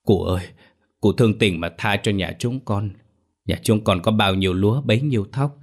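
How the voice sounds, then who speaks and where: A man's voice: fairly low pitch, normal speed. A man voicing a terrified peasant man in a horror story, stammering and sobbing as he begs for mercy. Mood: begging.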